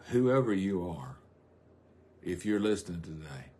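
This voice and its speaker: A middle-aged man, preaching a folksy, rambling sermon on a live stream with drawn-out emphasis. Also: deep voice, sing-song, warm tone.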